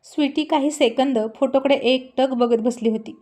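A woman's voice: high-pitched, normal speed. A woman narrating a serialized love story, voicing every character expressively. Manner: expressive, acts out all characters.

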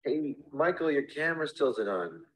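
A man's voice: a little high, very animated, moderate pace, rough recording. An actor playing an easygoing male teacher in a comedy skit, with a casual, slightly hesitant delivery. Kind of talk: scripted comedy skit acting.

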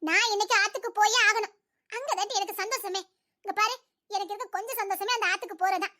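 A woman voicing a gentle, sorrowful young village girl who pleads tearfully. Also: extremely high pitch, fast talker. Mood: pleading sad.

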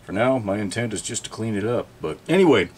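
A man's voice: fairly low pitch, animated, fast. A middle-aged man casually talking through an old tool on his workbench, thinking aloud as he works and bursting out in surprise. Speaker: chainsaw repair channel host. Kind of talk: casual workshop show-and-tell. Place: indoor repair workshop.

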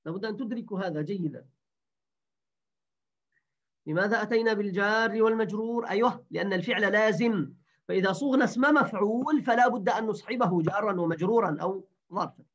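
A woman teaching a grammar lesson, repeating words slowly and quizzing her students. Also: mid-range voice. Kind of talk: grammar lesson to an online class. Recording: dull lo-fi recording.

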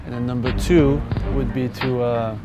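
A man, a coach, giving a documentary interview in a measured way, with pauses. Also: medium pitch, fairly even intonation. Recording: background music under the voice.

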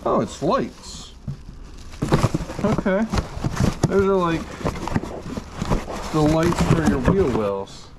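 Slow, folksy man on a chest cam. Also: on the high side, sing-song. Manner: folksy, unhurried, thinking aloud. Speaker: vlogger sorting a storage unit. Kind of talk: casual chest-cam vlog narration. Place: metal storage unit and gravel lot outdoors. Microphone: chest-mounted action camera. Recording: noisy outdoor action-camera audio.

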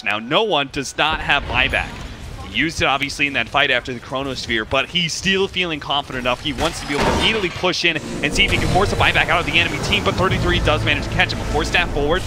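A man giving play-by-play commentary on a competitive video game match, speeding up into rapid excited calls during fights. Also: fairly high pitch, noisy background. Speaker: esports caster.

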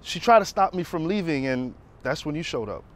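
An actor playing a reasonable, put-upon young cyclist in a drama, explaining things in a matter-of-fact way. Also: male voice, a little high, animated, a little fast, close to an everyday voice. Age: young adult. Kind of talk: acted drama dialogue. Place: outdoor parking lot.

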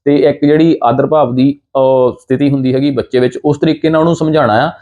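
Fast-talking mellow man giving advice. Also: mid-range voice, fairly even intonation, dull audio. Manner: earnest, repetitive, advice-giving. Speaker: channel host giving parenting advice. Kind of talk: casual explanatory talk to camera.

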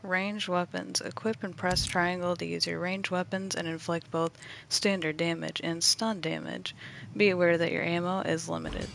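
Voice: mid-range voice, gravelly, a bit bright, a little hiss or hum. A streamer giving casual live gameplay commentary, laid-back and reading the tutorial text aloud.

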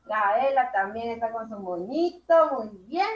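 A woman teaches young children over a video call, praising them one by one. Her voice sits high and moves slowly, stretching her words. The sound is roomy and a little dull. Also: animated. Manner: slow, drawn-out words, warmly praising children. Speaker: primary school teacher. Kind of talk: online class instruction.

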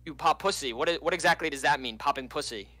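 A man on a video call as a dating contestant, asking quiet, mumbled questions. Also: on the high side, fast. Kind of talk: casual video-call chat.

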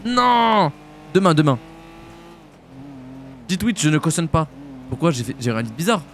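A young French man streaming a roleplay game, chatting casually in slang and jumping into high shouts. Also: very animated, soft background music. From France. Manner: casual slangy banter, quick jumps to high-pitched shouts. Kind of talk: live-stream roleplay chat.

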